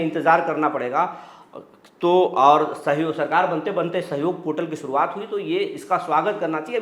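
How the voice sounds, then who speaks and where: A man with a somewhat high voice hosts a news commentary, calmly explaining and reading viewers' comments aloud. His delivery is reassuring and steady, with pauses between phrases. The recording has a noticeable roomy echo. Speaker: news channel host.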